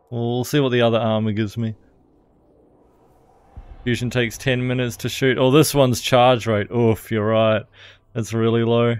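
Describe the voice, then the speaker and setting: A man's voice: mid-range voice, fairly even intonation, a little slow, long pauses, clean tone, no room sound. A man streaming a game, giving offhand, chatty commentary in short remarks. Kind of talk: casual gameplay commentary. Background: game music.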